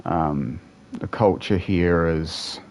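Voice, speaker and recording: A young man with a New Zealand accent and a deep voice talks extremely slowly while streaming a game from home. Relaxed and rambling, he chats casually and answers live viewers' messages between bits of play.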